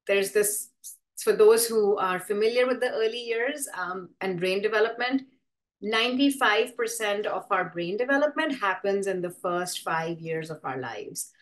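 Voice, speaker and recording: A woman presenter whose first language is Hindi and whose background is in urban design gives a conversational presentation to an online or live audience. Her mid-range voice is a bit bright, and she is thoughtful and explanatory, often pausing to rephrase.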